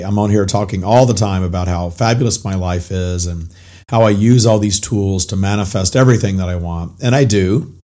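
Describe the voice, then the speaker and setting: Raspy, whispery, hoarse deep-voiced man. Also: a little mellow. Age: middle-aged. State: hoarse, nearly lost voice. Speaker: podcast host and spiritual coach. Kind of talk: informal motivational monologue.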